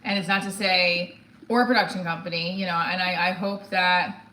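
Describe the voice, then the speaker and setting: Bright and forceful, with a lowish voice, fairly even intonation and a normal speed, a stand-up comedian livestreamer in her forties chats casually. Candid and blunt, she rambles and regularly stops mid-thought, in a recording with roomy echo and some background noise.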